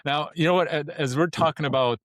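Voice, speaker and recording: A man from Czechoslovakia hosting a podcast, talking quickly and stumbling over repeated words. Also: on the high side, no room sound, clean studio sound. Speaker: podcast host. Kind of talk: podcast interview.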